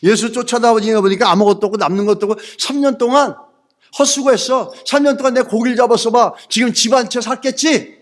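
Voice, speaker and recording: A man's voice: very high voice, fast talker. A pastor acting out the apostle Peter as an impulsive, fed-up man who wants to quit and go fishing for money. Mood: brash. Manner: brash and dismissive.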